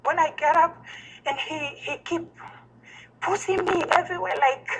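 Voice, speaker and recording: High-voiced woman speaking haltingly. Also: steady tone, very noisy. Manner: halting, repeats and restarts phrases. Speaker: interviewee. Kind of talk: recounting an event in an interview.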